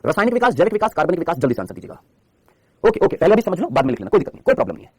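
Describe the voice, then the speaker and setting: A man's voice: high voice, huge pitch swings, very fast, a little mellow, slightly rough, dry recording. A man teaching a live online biology class in Hindi, quizzing his students with constant rhetorical questions and answering them himself.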